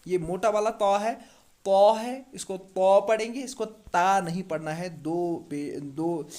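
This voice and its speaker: A man's voice: high voice, takes it slowly, a little mellow. Patient man teaching Quran recitation. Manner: patient, repeats letters and asks the class questions. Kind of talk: step-by-step tajweed lesson.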